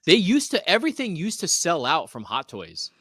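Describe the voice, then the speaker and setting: A man's voice: high-pitched, wildly swooping pitch, normal speed, bright, forceful tone, breathy edge, no echo, clean studio sound. A man in his forties hosting a casual collectibles podcast live stream, joking around and reading viewer comments aloud. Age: 40s. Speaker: podcast host.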